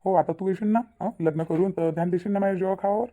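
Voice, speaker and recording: A woman voicing a cartoon character with rapid, teasing talk. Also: fairly low pitch, steady tone, dark tone. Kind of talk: Marathi cartoon voice acting.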